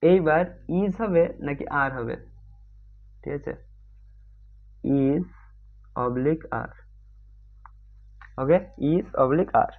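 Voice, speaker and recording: Male online tutor, slightly high voice, casual and chatty, thin phone-line audio. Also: extremely slow, pauses often. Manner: chatty, keeps asking "ঠিক আছে?"; addresses students as "bhai", mixes English terms. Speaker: grammar teacher. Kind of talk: online exam-prep class.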